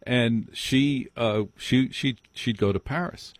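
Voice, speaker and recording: Speaking slowly in a medium-pitched voice, a New Jersey man runs a live call-in radio show, stressing his words and repeating phrases for effect. There's no room sound on the recording.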